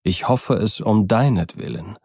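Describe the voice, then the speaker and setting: A man reading an audiobook, voicing a grave middle-aged lawyer in a low, measured tone. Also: creaky, a little mellow, husky, no room sound, clean studio sound, exaggerated voice. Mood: stern.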